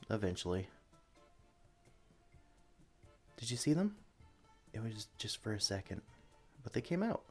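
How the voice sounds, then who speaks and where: This voice actor's fairly low pitch stays close to his everyday voice as he plays a friendly, experienced Pokemon sanctuary worker showing a newcomer around. Soft and gentle in mood, the acted ASMR conversation is one-sided, encouraging and chatty, with cooing at the animals.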